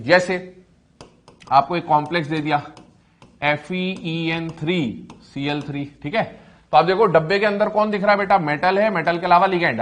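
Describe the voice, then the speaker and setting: A male teacher giving a chemistry lecture, asking questions and answering them himself, repeating key terms and calling his students "beta". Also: fairly high pitch. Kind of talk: classroom lecture.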